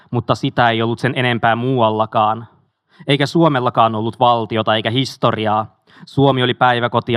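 A man reading a memoir aloud in a steady, measured way, with a few casual asides. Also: mid-range voice, dry recording, studio quality. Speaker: audiobook reader.

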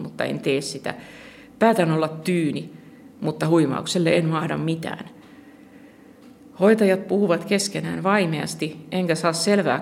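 Gravelly, calm audiobook narrator. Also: medium pitch, slight background noise. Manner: calm, measured first-person reading. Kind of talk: scripted audiobook narration of literary fiction.

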